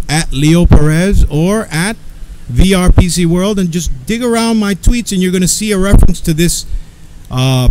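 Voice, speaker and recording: A man's voice: on the high side, darkish tone, a little hiss or hum, rough recording. A male podcast host reads a press release aloud, stumbling and correcting himself, with informal asides. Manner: halting, informal, stumbles and self-corrects while reading. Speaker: podcast host and event organizer. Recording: music playing behind the voice. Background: background music.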